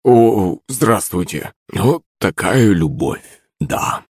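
A man's voice: deep voice, very animated, slow pace, darkish tone, breathy edge, dry recording, clean studio sound, full character voice. A man doing a slurring drunk old servant. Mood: drunken pleading. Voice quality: slurred, mumbling. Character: drunk, sulking, lovesick old male servant.

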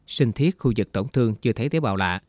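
Man, storybook narration, even unhurried reading, middle pitch, dry close sound. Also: dry recording. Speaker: audiobook narrator.

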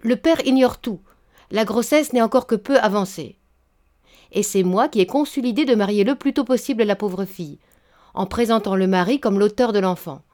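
A woman reading a story aloud, voicing an old spinster matchmaker who speaks in a flattering, unctuous way. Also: mid-range voice, normal speed, close to an everyday voice. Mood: honeyed. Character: old honey-tongued spinster matchmaker, scheming. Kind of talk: audiobook reading.

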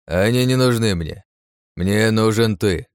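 A man's voice: fairly low pitch, unhurried, clean tone, no room sound, studio quality, lightly acted. A man voicing a cruel, mocking red-haired male villain who taunts and gloats in an audiobook. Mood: menacing. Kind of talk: audiobook character voice.

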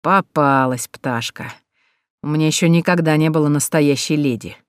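Woman reading as threatening leering male bandits, audiobook, louder and pushier, dry close sound. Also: deep voice, moderate pace, smooth, no echo, lightly acted. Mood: menacing. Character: menacing adult male bandits.

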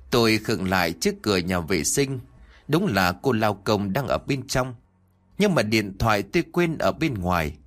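A man narrating a horror audiobook with expressive storytelling. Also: lowish voice.

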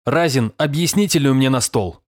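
Guy doing a stout police colonel yelling sarcastic, voice pitched way up, loud, dry close audio. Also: lively intonation, fairly quick, dry recording. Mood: raging. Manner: bellowing, sarcastic scolding. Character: furious stout middle-aged male police lieutenant colonel.

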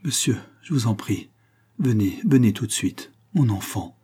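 A man's voice: lowish voice, lively intonation, unhurried, dark tone, breathy edge. A man reading the part of a tearful widowed mother of about forty, who pleads and breaks off in sobs, in an audiobook. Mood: tearful pleading.

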